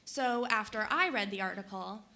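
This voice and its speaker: A young book editor from Colorado, USA, speaks in a mid-range voice with a sharp tone at normal speed. In a conference hall, she gives her prepared speech to a conference audience, reading from notes with earnest enthusiasm.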